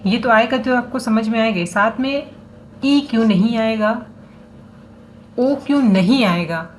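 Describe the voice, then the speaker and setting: A woman teaching English phonics in a lesson. She breaks words into syllables, sounds them out letter by letter and corrects herself as she goes. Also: fairly high pitch. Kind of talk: classroom-style lesson explaining syllables. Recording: faint background noise.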